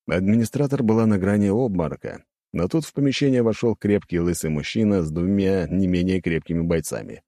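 A man narrating a first-person audiobook in a lively, expressive way. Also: sits low, brisk, dry recording, clean studio sound.

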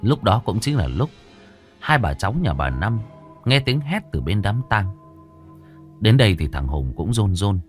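A man narrating a ghost story in a suspenseful, expressive way. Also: on the low side, unhurried, long pauses, soft background music.

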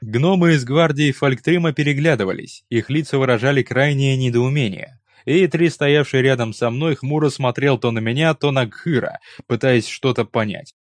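A man narrating a first-person fantasy audiobook in a measured, steady storytelling manner. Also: mid-range voice, no echo, studio quality.

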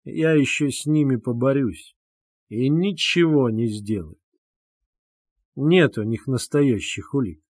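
A man's voice: medium pitch, slow, long pauses, darkish tone, no room sound, studio quality. A man playing a tormented young man who speaks bitterly and sardonically in an audiobook. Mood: brooding.

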